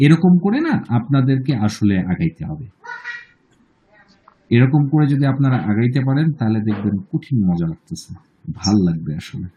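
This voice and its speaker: A man with a Bangladeshi accent teaching an online German class, drawing out words slowly and checking in with students often. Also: medium pitch, big pitch swings, mellow, dull audio. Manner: slow, drawn-out model pronunciations, checks in often.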